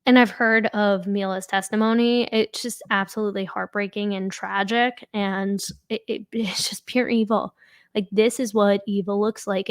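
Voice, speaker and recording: A woman's voice: mid-range voice, smooth, no room sound. Blunt woman commentator, dry close sound. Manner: blunt, emphatic repetition. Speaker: true crime commentator. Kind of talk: casual opinionated commentary.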